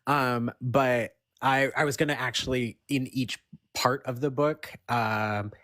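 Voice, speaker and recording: A woman's voice: extremely low pitch, steady tone, slow, fairly bright tone, no room sound, clean studio sound. A woman speaking as a guest author in a casual interview, acting out remarks as she tells her stories. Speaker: fiction author being interviewed.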